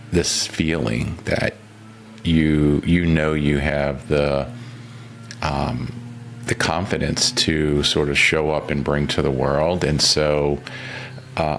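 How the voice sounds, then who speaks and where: A man hosting a podcast, asking questions in an encouraging, affirming way. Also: extremely low pitch. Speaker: podcast host. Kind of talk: conversational interviewing.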